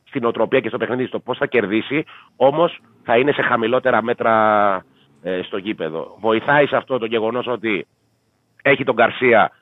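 A man's voice: medium pitch, no room sound. Man analysing football over a tinny line. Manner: measured, thinks aloud with fillers. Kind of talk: casual sports betting talk. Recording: tinny dry phone line.

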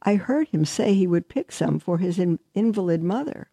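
A woman voicing a kindly old tree who speaks sadly and softly. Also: on the low side, animated, normal speed, vocal fry, husky, dry recording, full character voice. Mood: sad gentle. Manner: sad, sighing and soft. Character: gentle, sad old tree, male, kindly and humble.

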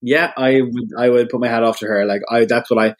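An Irish man chatting candidly as a podcast guest, open and quick with asides. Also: mid-range voice, steady tone. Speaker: guest, radio presenter. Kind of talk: casual podcast chat.

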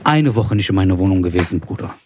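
A young man, a podcast host, telling a spooky story in casual chat, animated and full of oaths, acting out the voices of people he quotes. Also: low voice, fast talker, background noise.

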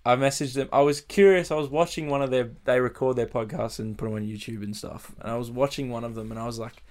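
A man's voice: medium pitch, steady tone, quick pace, darkish tone. A man co-hosting a casual podcast on a USB mic, laid-back, swearing casually and chuckling often. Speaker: podcast co-host. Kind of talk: casual chat.

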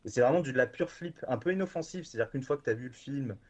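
A man's voice: medium pitch, expressive, quick pace, dull audio. A man chatting casually and enthusiastically, with many fillers and restarts. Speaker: guest from a horror streaming platform. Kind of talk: casual podcast chat.

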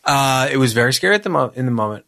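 Late-30s man, casual rambling storyteller, bright tone, dry close mic. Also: medium pitch, lively intonation, very fast, creaky, no echo. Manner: rambling storyteller, self-deprecating, many restarts. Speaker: podcast co-host. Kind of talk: casual chat.

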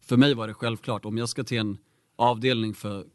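A man's voice: medium pitch, fairly even intonation, no room sound, clean studio sound. A young man, a guest in an interview, telling a personal story in a candid, reflective way with many fillers.

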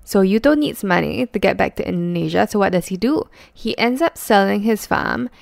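A woman's voice: mid-range voice, expressive, normal speed, creaky, dry recording. A woman podcast host telling a true-crime story conversationally, with chatty asides and rhetorical questions. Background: faint music.

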